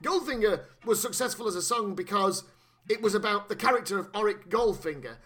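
A podcast co-host with a high-sitting voice talks fairly quickly in a casual film-review chat. He's jokey and animated, swearing freely as he discusses the film.

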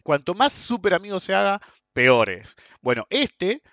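A man's voice: sits high, a little slow, no room sound. A man with a Rioplatense Spanish accent telling stories about trading to viewers, often tagging sentences with "ok?". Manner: lively storytelling, frequent "ok?" tags. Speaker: trading educator. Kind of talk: casual monologue to viewers. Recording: dull, dry lo-fi sound.

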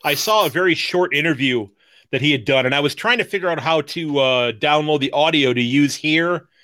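A man's voice: on the high side, fairly quick, sharp tone, no echo, clean studio sound. A man hosting a podcast in casual chat, talking hesitantly with many restarts. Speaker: podcast host.

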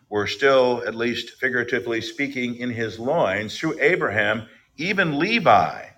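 Man, pastor, sermon, middle-aged, medium-pitched voice, sharp bright tone. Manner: emphatic scripture reading, then explaining in a plainer tone.

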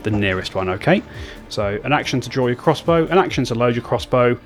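A man's voice: mid-range voice, expressive, fairly quick. Man narrating tabletop fantasy over music. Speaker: game master. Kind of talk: narrating a tabletop role-playing game. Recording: background music under the voice.

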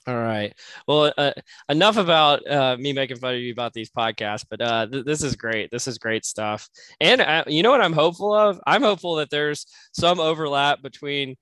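Smooth-voiced man hosting a podcast. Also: a little high, animated, normal speed, fairly bright tone, no room sound. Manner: easygoing, teasing. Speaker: podcast host. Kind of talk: casual interview chat.

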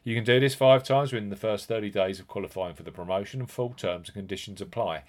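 A man's voice: fairly low pitch, fast. A man hosting a podcast, reading scripted promotional narration with an emphatic sales delivery and stressed key words. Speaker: podcast host.

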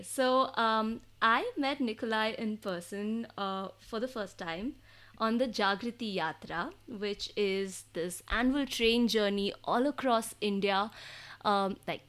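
A woman co-hosting an interview podcast in a bubbly, chatty way, laughing often and filling pauses with ums. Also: mid-range voice. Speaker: podcast co-host. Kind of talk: casual interview chat.

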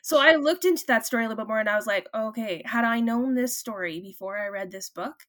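A woman's voice: a little high, fast talker, a bit bright. A woman in a casual book discussion, talking candidly and laughing at herself. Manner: candid, self-deprecating, laughs often.

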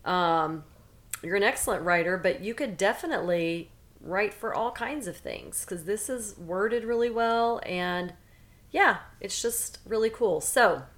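A woman's voice: mid-range voice, animated, unhurried, a bit bright. Frank, chatty woman podcaster. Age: 50s. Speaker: podcast co-host. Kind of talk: casual chat.

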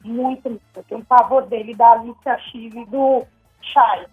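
A woman's voice: on the high side, steady tone, normal speed, faint music behind. A woman calling in to a radio show, heard over a phone line, giving blunt, outspoken opinions. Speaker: radio call-in listener.

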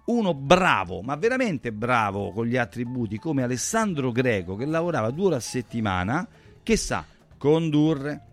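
A man talking on a radio show, heated and rambling, quick to take offence and repeating himself as he argues. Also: medium pitch, very animated, faint music behind. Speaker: radio talk show guest commentator.

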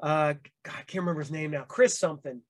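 High-voiced chatty man in a dry room. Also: fast talker, no echo. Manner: rambling, chatty, with frequent fillers and laughs. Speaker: podcast host. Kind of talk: casual storytelling chat.

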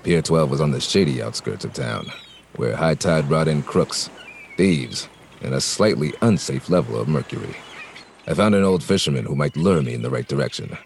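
An actor playing a wisecracking, world-weary private detective, deadpan, in a parody noir audio drama. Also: male voice, a bass voice, moderate pace, gravelly, a little hiss or hum, full character voice. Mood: wry, brooding. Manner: deadpan, hard-boiled wisecracking. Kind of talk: parody noir narration and radio drama acting.

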